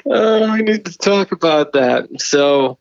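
A man's voice: high-pitched, animated, slow pace, gravelly, no echo, lo-fi sound, full character voice. A man playing a flustered, stammering mission control operator, heard over a radio link in a comedy skit.

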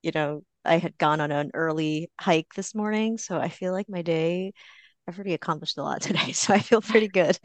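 A woman's voice: on the low side, brisk, dry recording. A woman therapist co-hosting a podcast, upbeat and laughing often in casual chat.

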